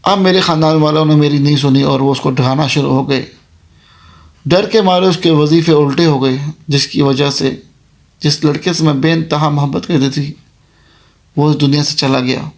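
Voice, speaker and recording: A man's voice: on the high side, fairly even intonation, normal speed, natural voice. A man voicing the female ghost of a haunted mansion, speaking in a solemn, warning tone as part of a told horror story. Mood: mournful.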